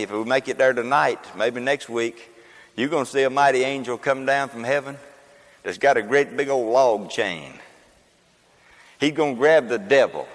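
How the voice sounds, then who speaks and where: Man preaching, folksy storyteller, booms on key lines, long church reverb. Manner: folksy storytelling preacher, rising to loud emphatic peaks. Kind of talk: sermon.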